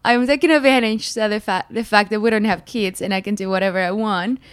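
Chatty young woman from Mexico, smooth voice. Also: mid-range voice, steady tone, fast. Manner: chatty, filler-heavy, laughs easily. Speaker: podcast guest. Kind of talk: casual interview chat.

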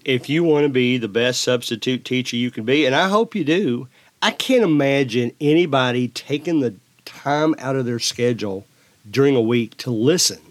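A man's voice: mid-range voice, no room sound. A man hosting a solo podcast, giving earnest advice to substitute teachers and repeating phrases as he finds his words. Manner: drops into a dull monotone for emphasis.

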